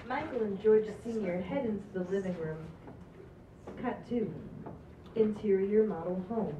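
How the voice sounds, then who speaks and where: At an amateur table read on a small indoor stage, a woman narrates the script's stage directions. Her mid-range voice is warm and measured, though it is captured by a distant camera, so the audio sounds echoey, muffled, and noisy.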